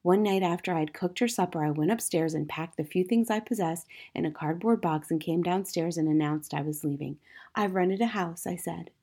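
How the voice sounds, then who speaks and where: A woman plays a gentle, modest young schoolteacher in a storybook, confiding softly and with restraint, showing quiet resilience. Her voice is lowish and slightly rough, at a moderate pace, and she sounds quietly proud.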